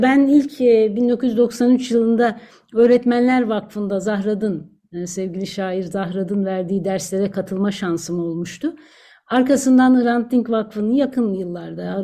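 A woman's voice: mid-range voice, dark tone. A middle-aged woman, a guest on a radio interview, speaking thoughtfully and eagerly about words she remembers. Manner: thoughtful, fond and eager when recalling words.

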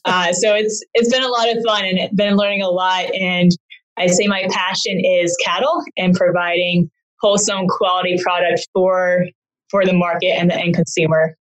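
A woman's voice: on the low side, little pitch movement, moderate pace, rough recording. A woman from Pennsylvania who raises cattle, guesting on a podcast, friendly and plainspoken. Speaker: guest, farmer. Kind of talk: casual interview.

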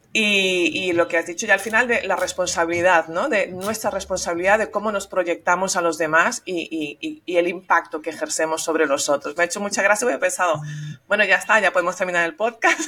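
A woman's voice: lowish voice, pushed and bright. A woman from Venezuela hosting a podcast interview, chatty and affirming toward her guest. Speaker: podcast host. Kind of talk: conversational interviewing.

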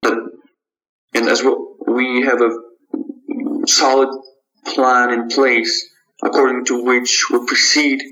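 A man from Kazakhstan, a startup founder answering interview questions in a measured, halting way with frequent restarts. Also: medium pitch, flat delivery, pushed and bright, low-quality recording.

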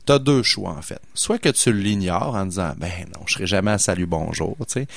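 Speaking low, creaky and fairly quick, this middle-aged podcast host with a Québécois French accent tells a chatty anecdote full of fillers, voicing the lines of the people he encountered. The recording is dry.

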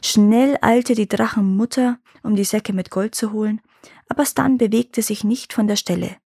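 A woman narrating a fairy tale in calm, measured scripted storytelling. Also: mid-range voice, gravelly, husky, no echo, studio quality. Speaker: storyteller reading fairy tales.

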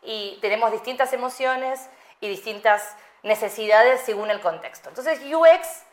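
A woman's voice: fairly high pitch, normal speed. A woman answering interview questions, explaining step by step and thinking aloud with examples. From Argentina. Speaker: guest, UX designer. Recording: echoey room.

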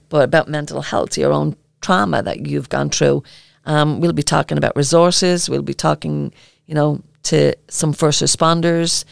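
Irish lady podcast cohost, super gravelly, lots of ums, dry close mic. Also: sits low, no echo. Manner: earnest, halting, with many filler ums. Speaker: podcast co-host. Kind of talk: casual podcast chat.

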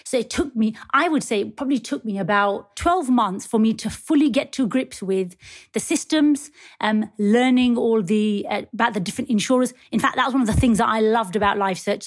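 A woman's voice: a little high, fairly quick. A woman, a guest advisor, talking earnestly and reflectively about her work in a casual interview.

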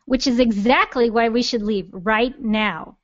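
A woman's voice: fairly high pitch, a little slow, dull audio, natural voice. A woman voicing a snarky female smartphone assistant with a nasal voice and plenty of attitude, in an audio drama. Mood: chirpy.

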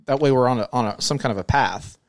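A man's voice: mid-range voice, fast, no echo, studio quality. A man co-hosting a podcast in natural, unscripted talk, joking and speaking straight to the listeners. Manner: jokey, addresses listeners directly. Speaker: podcast co-host.

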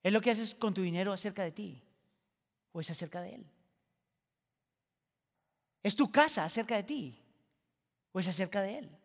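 A pastor with a high voice delivers a sermon in a church sanctuary. He moves from hushed, reflective passages to impassioned, shouted climaxes. His voice carries a long reverb through the hall. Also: lively intonation, moderate pace, long pauses.

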